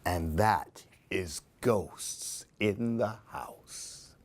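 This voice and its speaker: A low-voiced man draws out his words as he hosts a children's book show, theatrically reading Halloween picture books aloud. He's a storyteller who peppers the stories with questions and asides for young listeners.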